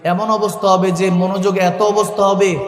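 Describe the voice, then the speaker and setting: A man delivering a rousing Bengali sermon to a crowd, building to shouts, asking the crowd questions and chanting verses in a low, slow tone. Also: flat delivery. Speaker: preacher. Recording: echoey public address in a long-reverb hall.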